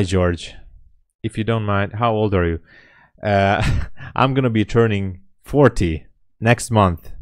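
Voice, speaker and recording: A man in his late thirties hosting a casual live stream, thinking aloud and answering chat as he goes. His voice sits low, and he talks at an unhurried pace. The sound is dry and close, from a small room. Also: no echo. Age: 30s. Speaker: day trading livestreamer.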